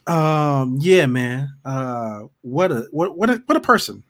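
A man's voice: medium pitch, expressive, slow. A man co-hosting a casual comic book podcast, riffing playfully with crude, slangy frat-bro banter. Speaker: podcast co-host. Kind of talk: casual comedic chat about comic books.

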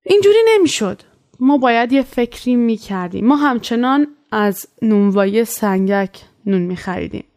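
A woman casually telling a story from her childhood, in a conversational way. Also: a little high. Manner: conversational, animated when quoting.

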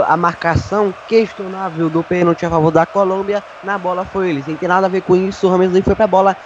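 A Brazilian man giving match analysis as the second voice on a radio football broadcast. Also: a little high. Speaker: football commentary sidekick. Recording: dull lo-fi audio, faint background noise.

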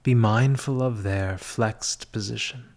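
A man leading a guided meditation in a soft, breathy, half-whispered spa voice, soothing and measured, with long pauses between short phrases. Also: on the low side.

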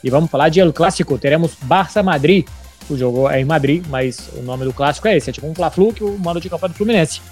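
A man's voice: a little high, quick pace, darkish tone, soft background music. A man with a Brazilian accent hosting an informal football podcast and telling anecdotes. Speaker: sports podcast host and journalist.

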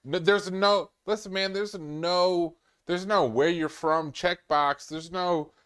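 A man's voice: high-pitched, steady tone, slow, fairly bright tone, clean tone. A man from New York in casual podcast chat, rambling with lots of filler and swearing.

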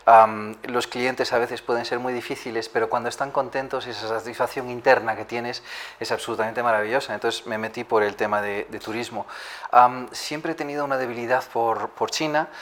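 A man from Galicia, a hotel executive and tourism entrepreneur, answering interview questions in a measured, agreeable way. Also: medium pitch, steady tone, fairly bright tone. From Galicia, Spain. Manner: measured, agreeable, with frequent restarts. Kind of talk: conversational interview.

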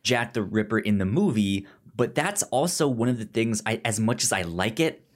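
Co-hosting a podcast, a man with a lowish voice and lively intonation talks casually about comics and film at a normal speed. He stutters often, repeating sounds and words as he goes.

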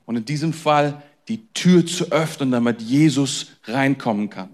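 A man preaching a sermon in a conversational way, talking straight to his listeners and moving between loud emphasis and quiet intensity. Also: medium pitch, measured pace. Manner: conversational, addresses listeners directly. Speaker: pastor.

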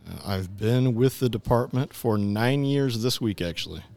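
A man's voice: medium pitch, normal speed, a little mellow. A middle-aged man, an attorney, giving conversational answers as an interview guest.

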